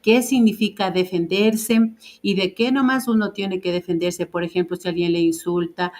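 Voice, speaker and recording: A woman of middle pitch talking as a guest parent, recounting past events in a conversational way. She brings the quoted dialogue to life and stops now and then on fillers while she gathers her thoughts. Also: steady tone, normal speed, a little mellow. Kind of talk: conversational storytelling.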